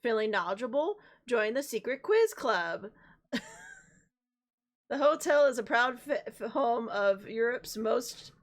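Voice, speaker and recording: A woman streaming games is hoarse and losing her voice, yet very animated, chatting casually and reading in-game notices aloud. Her voice is a little high at a measured pace, with frequent laughs and the odd swear.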